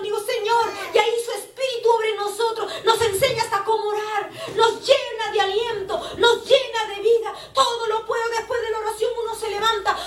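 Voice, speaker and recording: A woman's voice: very high voice, a bit bright. A woman preacher giving an impassioned sermon, often calling out to her listeners as brothers. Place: church hall. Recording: echoey church from far off, faint ambience.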